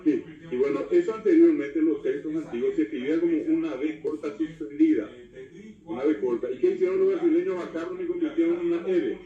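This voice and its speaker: A man's voice: a little high, fast. A man from Paraguay with a Paraguayan Spanish accent, explaining words as a guest on a TV talk show, lecturing with many fillers. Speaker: guest expert on Guarani. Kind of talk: explanatory TV interview. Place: TV studio. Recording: roomy, distant, dull TV audio.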